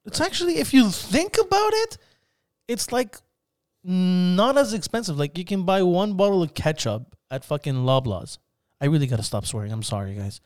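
A man's voice: sits high, normal speed, no room sound, clean studio sound. Joking, swearing podcast host, a man. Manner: joking, swears often, animated. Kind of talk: casual chat.

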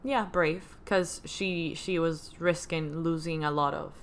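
A woman's voice: low voice, fairly even intonation, slow pace, a little hiss or hum. A young woman co-hosting a casual celebrity news chat, hesitant and full of fillers. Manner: hesitant, many fillers and restarts. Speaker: co-host.

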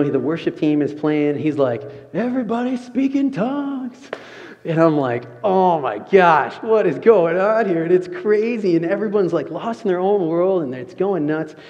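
Young male pastor, animated sermon, slightly high voice, mellow tone, long church-hall reverb. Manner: animated storytelling. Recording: muffled sound, long reverb of a large room.

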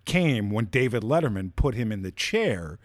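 Lively storytelling man co-host. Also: lowish voice, moderate pace, dry recording, clean studio sound. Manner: animated storyteller, acts out the quotes. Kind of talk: casual podcast storytelling.

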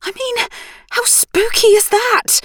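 A woman's voice: very high-pitched, fairly even intonation, slow, fairly bright tone, no echo, studio quality, pitched above the performer's own voice, full character voice. A woman narrator voicing an anxious, easily provoked young wife, pleading and emphatic. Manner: fretful, pleading, rising emphasis.

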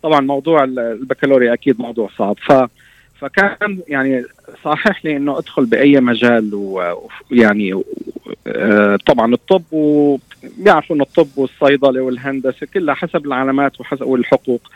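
A man's voice: mid-range voice, fast talker, no room sound, muffled recording. A man in his fifties from Syria with a Levantine Arabic accent, answering interview questions conversationally and often searching for his words. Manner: hesitant, searching for words with trailing repeats. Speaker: interview guest, doctor.

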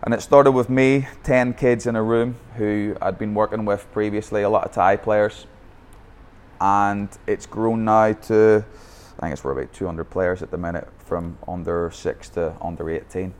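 A man originally from Northern Ireland, now running a youth football academy in Bangkok, speaks with a fairly low voice, a steady tone and a moderate pace. Candid in this podcast interview, he tells his coaching story with frequent restarts, his Northern Irish accent clear.

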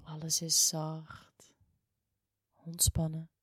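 A woman guiding a relaxation meditation in a soft, hushed, near-whispered voice, soothing and unhurried, with long pauses. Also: deep voice, completely flat delivery, breathy edge, no room sound, clean studio sound. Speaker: yoga and meditation guide.

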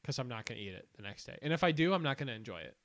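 Young male co-host from Northeast Ohio, local accent, deadpan and laid-back, dry close-miked sound. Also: mid-range voice, rapid-fire, no room sound. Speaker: podcast co-host. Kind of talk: casual chat.

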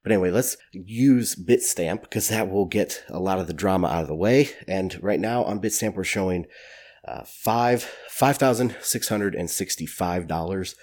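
A man's voice: low voice, normal speed, a little mellow. A man with a stuffy, congested nose hosting a solo market commentary podcast in an informal, opinionated way. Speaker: podcast host.

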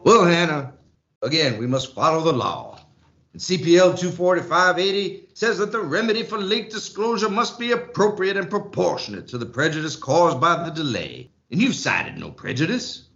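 A man's voice: on the high side, animated, normal speed, gravelly, fairly bright tone. A man voicing a stern, folksy rural judge who lectures in a country drawl. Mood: lecturing. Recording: muffled lo-fi audio.

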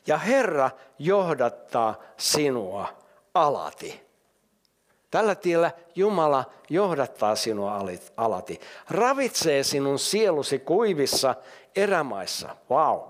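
An older man preaches with a lively voice that climbs high on his rhetorical questions and drops low and soft when he reads scripture. His pitch sits in the middle for a man. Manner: animated, rising emphatic rhetorical questions. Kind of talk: sermon.

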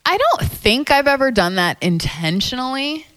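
A woman's voice: high-pitched, big pitch swings, normal speed, a bit bright. A woman, a dating coach, chatting as an interview guest in a thoughtful way, often repeating words and laughing easily. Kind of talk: casual interview chat. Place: lives in New York.

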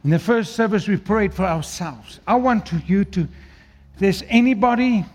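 Preaching a sermon, a South African man with an Afrikaans accent alternates between loud declaiming and quiet, low asides. He sounds expressive and keeps a moderate pace.

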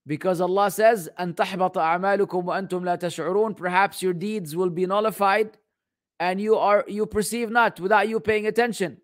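Rapid, fluent Arabic recitation contrasts with halting English as this teacher leads an Islamic religious lesson, going back and forth between the original text and translation. His high voice keeps a fairly even intonation.

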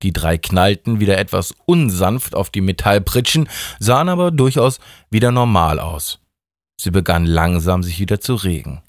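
Low-voiced man reading a wry story. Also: expressive, normal speed, dry recording, studio quality. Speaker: radio story reader. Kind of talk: scripted story narration.

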